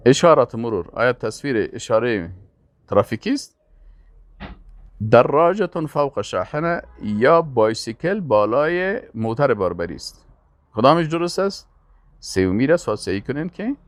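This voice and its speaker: An older man with an Afghan Dari accent, teaching an Arabic lesson and patiently repeating words slowly for pronunciation. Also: mid-range voice, no room sound, clean studio sound. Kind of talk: language lesson.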